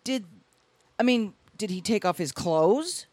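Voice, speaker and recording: A woman co-hosting a casual podcast, reading out odd news stories with animated commentary. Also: mid-range voice, unhurried, no echo.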